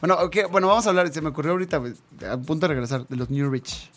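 A Mexican man chatting as a radio guest, rattling off stories at speed. His voice sits a little high, and he keeps repeating phrases for emphasis. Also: racing, soft background music. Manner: animated, repetitive, storytelling. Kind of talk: casual radio chat.

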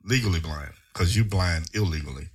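A podcast co-host with a low, husky male voice chats casually with his friends. He teases and jokes with them, stretching his words out lazily.

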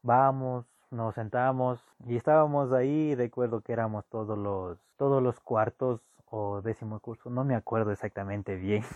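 Young man, animated anecdote teller; dry, muffled lo-fi take. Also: mid-range voice, moderate pace, hardly any pauses, dry recording. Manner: animated, swings between loud bursts and hushed asides. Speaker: storyteller. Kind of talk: casual personal anecdote. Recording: dull lo-fi dry recording.

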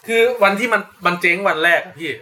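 Fast-talking man telling stories. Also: sits high, bright, forceful tone. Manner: storytelling, quick and chatty. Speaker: podcast co-host. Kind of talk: casual chat.

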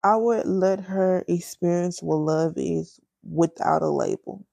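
A woman in her twenties hosting her podcast, talking candidly and emotionally in casual slang, close to tears and pausing often. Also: on the low side, steady tone, gravelly, dark tone, dry recording. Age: 20s. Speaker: podcast host. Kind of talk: personal casual chat.

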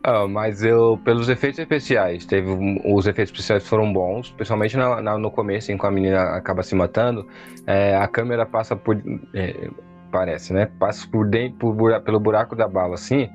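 A man with a lowish voice weighs in on a film, pausing and restarting as he looks for words. His sound is dull and lo-fi. Faint music plays under him. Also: fairly even intonation. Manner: hesitant, searching for words. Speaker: podcast co-host. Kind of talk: casual movie review chat.

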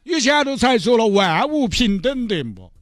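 A man with a Sichuanese accent voicing a blunt, grumpy male fish seller who talks in a gruff, dismissive way. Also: very high voice, sing-song, normal speed, fairly bright tone, no room sound, clean studio sound, voice pushed up, full character voice.

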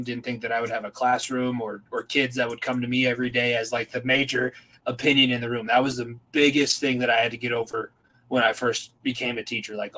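A man's voice: mid-range voice, fairly bright tone, poor audio. A young adult man hosting a casual podcast, talking earnestly and reflectively about teaching, with rambling restarts.

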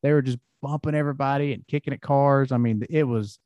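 A middle-aged man with a country Southern accent rambles through easygoing stories as the host of a casual interview. His voice sits low and sounds dry and close, with nothing bouncing around it. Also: fast talker, a little mellow, dry recording. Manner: folksy, rambling storyteller. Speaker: podcast host.

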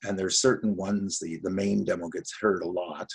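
A man's voice: sits low, steady tone, moderate pace, gravelly, husky. A retired man in his sixties from Canada, chatting in an interview about his voice-over work in a rambling, self-deprecating way. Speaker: voice-over artist guest. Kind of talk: casual interview chat.

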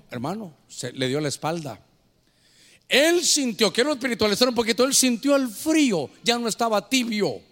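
High-voiced fervent preacher in an echoing church. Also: male voice, a bit bright. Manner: fervent, keeps calling listeners brother. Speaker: pastor. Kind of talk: sermon. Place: church hall.

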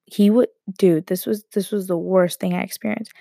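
A young woman at a moderate pace, medium pitch and a creaky quality tells a rambling personal tale full of joking asides and self-interruptions, her voice throaty from fighting a cold. The recording is dry and of studio quality.

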